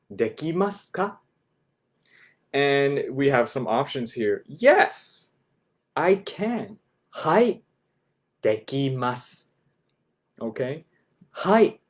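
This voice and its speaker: Male teacher for a beginner class. Slow and patient, repeats a lot, checks in after each phrase. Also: a little mellow. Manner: models phrases with a raised, lilting pitch. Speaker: Japanese language teacher. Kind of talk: online language class.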